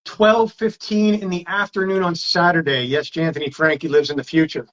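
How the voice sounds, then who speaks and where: A man's voice: fairly high pitch, steady tone, normal speed, fairly bright tone, lo-fi sound. A man hosting a casual live stream on a phone or webcam, rambling and reading viewer comments aloud.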